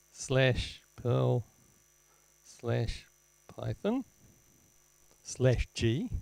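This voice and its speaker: A man presenting an informal live technical demo, halting as he thinks aloud, with wry, self-deprecating humour. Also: on the high side, no echo, low-quality recording. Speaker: presenter at a tech meetup. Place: indoor lecture room, presenting at a screen. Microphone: handheld microphone.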